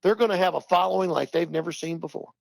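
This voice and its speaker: An older man talking heatedly on a podcast, repeating himself for emphasis and rising in pitch when worked up. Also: quick pace, creaky, dry recording, low-quality recording. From Texas. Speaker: podcast guest. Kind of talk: impassioned talk-show commentary.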